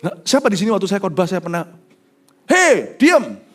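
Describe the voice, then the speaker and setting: A male pastor preaching a sermon with dramatic swings from loud declarations to hushed near-whispers, mixing in English phrases. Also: sits high, racing, soft background music. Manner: mixes English phrases into his talk, sings worship lines.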